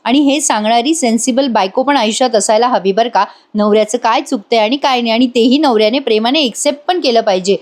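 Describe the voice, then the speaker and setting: A woman's voice: a little high, fast talker, few pauses. A young woman narrating a chatty voice-over recap of a TV serial episode, with asides to viewers. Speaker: TV serial reviewer.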